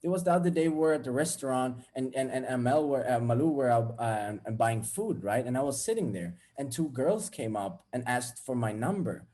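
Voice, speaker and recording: A man's voice: mid-range voice, animated, a little fast, hardly any pauses, mellow. A young man, talking casually and bluntly to viewers, swearing freely as he tells a story. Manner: candid, blunt and profane. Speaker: vlogger.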